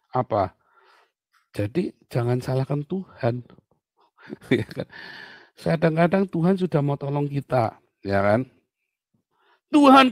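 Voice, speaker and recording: A man's voice: medium pitch, no echo, clean studio sound. A man teaching in a sermon-style Q&A. He tells stories with energy and acts out the voices of the people in them. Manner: animated storytelling, acting out voices of people and God.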